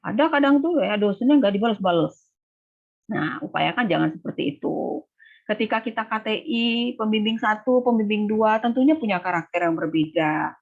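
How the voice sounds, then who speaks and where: A middle-aged woman lecturer advises her nursing students over a video call, animated and acting out quotes from both sides in a higher voice. Her voice sits at an ordinary pitch. The call audio is thin and tinny, like a phone line. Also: moderate pace. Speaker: nursing lecturer and thesis coordinator. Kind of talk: online briefing to students.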